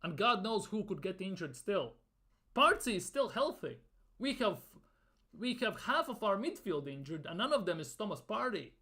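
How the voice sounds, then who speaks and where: A man's voice: high voice, big pitch swings, normal speed, bright, forceful tone. A man ranting in a football fan commentary video, exasperated and sarcastic, with some swearing.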